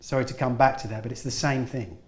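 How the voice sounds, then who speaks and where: Male guest actor, mid-pitched, earnest and encouraging, recorded in an echoey room. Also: steady tone, fast talker. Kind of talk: casual interview talk. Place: film studio at a school event.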